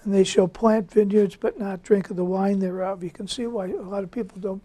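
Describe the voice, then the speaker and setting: A woman's voice: medium pitch, steady tone, brisk, mellow. A woman leading an informal Bible study, reading scripture aloud and explaining it in a conversational way with frequent fillers.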